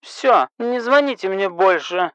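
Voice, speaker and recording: A man voicing a drunk, hiccuping woman who calls the police, shrill, bossy and slurring. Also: expressive, measured pace, fairly bright tone, smooth, dry recording, muffled recording. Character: drunk, hiccuping, rude middle-aged woman caller.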